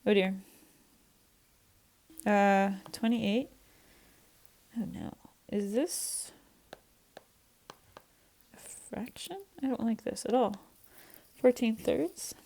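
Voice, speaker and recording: A woman's voice: on the high side, extremely slow, gravelly, pauses often, darkish tone. A young woman teaching an online math lesson, chatty and self-deprecating as she thinks aloud.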